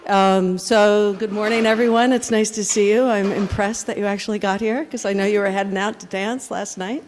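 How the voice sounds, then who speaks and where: A woman's voice: mid-range voice, steady tone, normal speed. A woman moderating a panel discussion on a handheld mic, chatty and upbeat with loose fillers. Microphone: handheld microphone. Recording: long hall reverb, faint noise.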